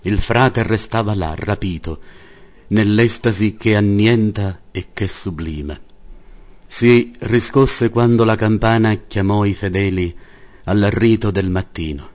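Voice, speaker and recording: Slow, low-voiced solemn male narrator. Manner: declamatory, old-fashioned literary phrasing. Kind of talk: solemn scripted story narration.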